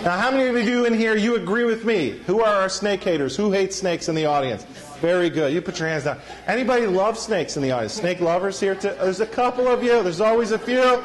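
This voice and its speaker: A man's voice: sits high, animated, a little fast. A man preaching a sermon in a church, joking and quizzing the congregation. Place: church sanctuary.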